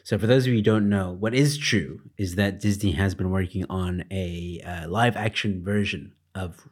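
A man's voice: deep voice, normal speed. A man co-hosting a podcast, chatting casually and joking, with many fillers and restarts. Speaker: podcast co-host.

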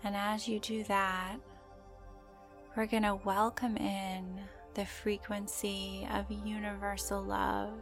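A woman guiding a meditation in a soft, breathy, soothing voice, with gentle drawn-out phrasing and pauses. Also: mid-range voice, little pitch movement, faint music behind. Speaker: meditation guide.

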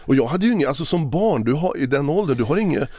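A man speaking as a podcast guest, recounting a personal story in a halting, emotional way with many restarts. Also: fairly high pitch, lively intonation, darkish tone, no room sound, clean studio sound. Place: podcast recording session.

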